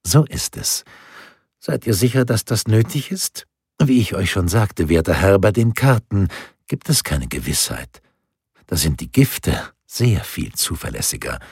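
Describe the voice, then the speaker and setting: A man voicing a calm, alluring woman who reads cards in an audiobook, speaking in a husky, measured way. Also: sits low, dry recording, studio quality, exaggerated voice. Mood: counseling. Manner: measured, advising. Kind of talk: audiobook character voice.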